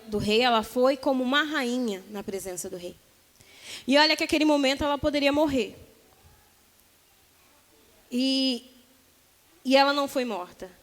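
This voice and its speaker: A Brazilian woman with a high voice preaches a sermon, telling the story with lively energy and slipping into the voices of its people. Her words ring out with the long reverb of a church hall. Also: normal speed, pauses often. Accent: Brazilian Portuguese.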